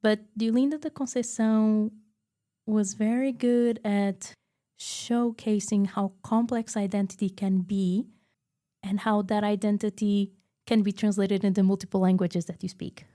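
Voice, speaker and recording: A woman's voice: mid-range voice, flat delivery, a little slow, mellow. A woman from Macau, a heritage researcher, talking thoughtfully in an interview and searching for her words. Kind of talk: reflective interview talk.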